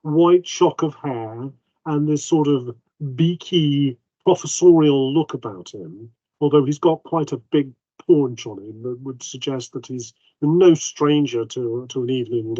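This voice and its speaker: A man's voice: mid-range voice, a little slow, dark tone, no echo. A man narrating as game master, chatty and full of hesitations. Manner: chatty, hesitant with ums, plays the vicar in quotes. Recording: dull, dry home mic.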